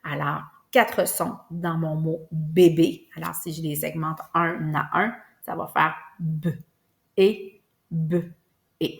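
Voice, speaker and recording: A woman's voice: sits low, little pitch movement, measured pace, vocal fry. A woman, a preschool teacher patiently explaining a lesson, with frequent hesitations. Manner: patient, careful, many fillers.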